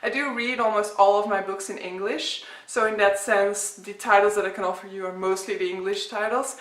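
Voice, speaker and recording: A Flemish-accented woman in her thirties from Belgium, a native Dutch speaker, talks casually to camera as a book vlogger. Her mid-range voice is steady and brisk, and she rambles with frequent fillers. The room sounds echoey.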